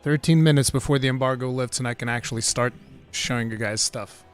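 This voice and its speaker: Speaking a little fast in a clear, resonant mid-range voice, a Portuguese man streams casually and reads viewer questions, his English accent sounding American. He's excitable, laughs often and says "dude" frequently, over faint background music.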